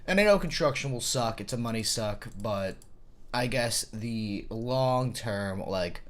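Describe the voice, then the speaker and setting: His voice mid-range and roughened by a cold, a man narrates his own gameplay for YouTube at a slightly slow pace. He pokes fun at himself, muses out loud and gets worked up over minor victories.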